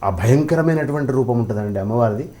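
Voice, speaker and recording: A man's voice: medium pitch, lively intonation, fast talker, dark tone, soft background music. A man telling devotional stories in conversation, emphatic, with rhetorical questions and acted-out quotes. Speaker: religious scholar guest.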